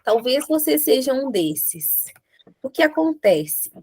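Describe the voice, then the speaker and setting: High-voiced Brazilian woman teaching English. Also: slow pace, breathy edge, no room sound, studio quality. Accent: Brazilian Portuguese. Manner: playful, animated explaining with jokes. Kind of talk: classroom grammar lesson.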